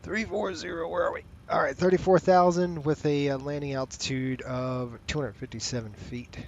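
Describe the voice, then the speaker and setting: A man's voice: a little high, fairly even intonation, normal speed, highs cut off. Male pilot talking on a noisy cockpit headset. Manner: pilot on a cockpit headset, clipped procedural phrases mixed with offhand muttering. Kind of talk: casual cockpit commentary and radio calls. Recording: noisy, with background cockpit ambience.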